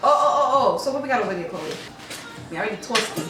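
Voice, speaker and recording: A woman's voice: on the high side, animated, fast talker. A young woman hosting a casual mukbang chat with friends, putting on a playful fake English accent and swearing freely. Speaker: YouTube host. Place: room shared with friends, eating at a table. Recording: roomy, distant mic, music behind.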